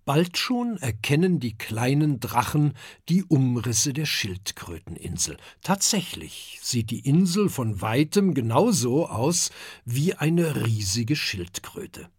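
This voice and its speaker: A middle-aged man narrating a children's audiobook in a calm, expressive storytelling manner. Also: medium pitch, takes it slowly, slightly rough, dry recording, clean studio sound.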